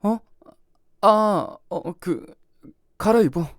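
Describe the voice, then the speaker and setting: A man voicing a shy, quiet teenage schoolboy in an audio drama, speaking hesitantly with stammers. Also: high voice, lively intonation, drawn-out words, no echo, studio quality, exaggerated voice. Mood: flustered. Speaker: narrator and lead.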